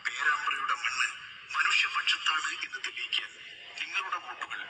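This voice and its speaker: A man reading a recorded political campaign announcement in a declamatory, slogan-like way, played back through a campaign vehicle's loudspeaker. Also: a little high, moderate pace, husky.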